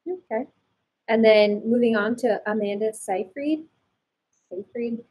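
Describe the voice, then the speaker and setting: A woman's voice: fairly high pitch, measured pace, husky, muffled recording. A woman hosting a casual fashion color chat, upbeat and explaining things to viewers. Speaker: color analyst host.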